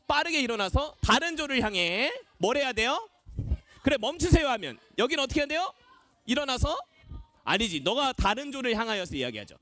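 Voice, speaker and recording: A man's voice: very high voice, dry recording. A young man, a children's ministry evangelist, playfully explaining a game to kids during worship. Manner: animated, playful instructions to kids. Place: church children's worship room.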